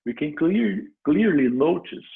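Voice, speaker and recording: A man from Brazil with a Brazilian Portuguese accent gives a clinical lecture as a dental surgeon, often restarting and pausing mid-phrase. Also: a little high, expressive, gravelly, slightly rough. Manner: halting, frequent restarts and fillers. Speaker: dental surgeon presenting a case. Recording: tinny phone-like audio.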